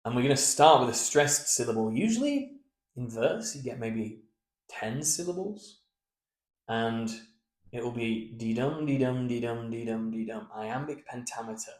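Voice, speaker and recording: A man coaching verse speaking, explaining meter and stress and breaking into hushed read-aloud examples. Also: medium pitch, big pitch swings, reverberant. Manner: breaks into slow, hushed recitation to demonstrate; chanting rhythm syllables to show meter. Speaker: voice and speech coach.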